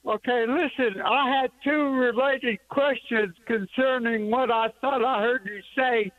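A man calling in to a radio show over a telephone line. He talks haltingly and searches for words with many fillers. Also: extremely high pitch, steady tone, no echo. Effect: heard over a telephone line. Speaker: radio call-in caller. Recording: tinny dry phone line.

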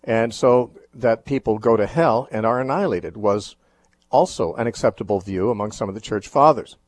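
A man hosting a radio call-in show teaches from the Bible at an unhurried pace, in a lowish, somewhat husky voice with no echo. Thoughtful and measured, he frequently pauses with fillers and restarts his sentences.

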